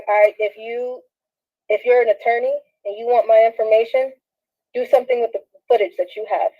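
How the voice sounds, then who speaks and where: Shaky-voiced woman ranting to camera. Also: medium pitch. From Southern California. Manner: rambling, talks straight to viewers, slangy. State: shaky, laughing through tears. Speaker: vlogger. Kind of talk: emotional direct-to-camera monologue. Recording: dull lo-fi phone audio.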